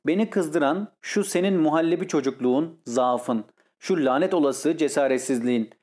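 A man's voice: a little high, moderate pace, a little mellow, natural voice. A man voicing a blustering, indignant older brother who scolds scornfully in an audiobook story. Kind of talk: audiobook character reading.

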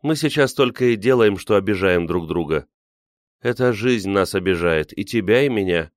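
A man reading an audiobook, voicing a sharp-tongued, bitter young woman who mocks her friends. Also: on the low side, expressive, normal speed, no echo, studio quality, lightly acted. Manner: mocking, biting.

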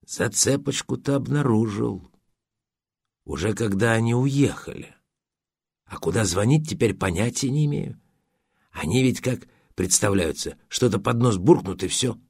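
A man's voice: lowish voice, lively intonation, unhurried, gravelly, a little mellow, slightly rough, dry recording, clean studio sound, full character voice. A man reading an audiobook, voicing a chatty, coy old concierge who rambles and hesitates.

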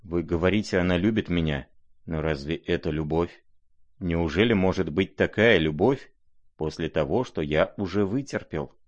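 A man playing a gentle, troubled young nobleman who speaks quietly and pleadingly. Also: deep voice, moderate pace, highs cut off, lightly acted. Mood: sorrowful.

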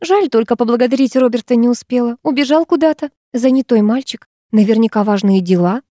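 A woman's voice: a little high, fairly quick, mellow, no room sound, studio quality, pitched above the performer's own voice, close to an everyday voice. A woman voicing a fussy, proud middle-aged chemistry teacher who coos and gushes over her favorite pupil, in an audiobook reading. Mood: gushing. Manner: cooing, solemn, gushing.

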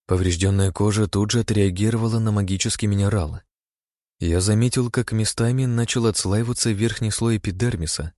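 A man narrating a first-person story in a steady, calm way, close to the mic. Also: low voice, no echo. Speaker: audiobook narrator.

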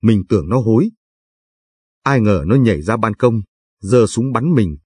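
Brief: man reading a calm commander, plain-spoken, low husky tone. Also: measured pace, no room sound.

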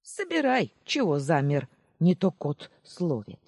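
A reader voicing a hoarse grumbling old village woman. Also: medium pitch, huge pitch swings, a little slow, darkish tone, dry recording, studio quality, full character voice. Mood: scolding. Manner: good-natured grumbling, scolding. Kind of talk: audiobook character voice.

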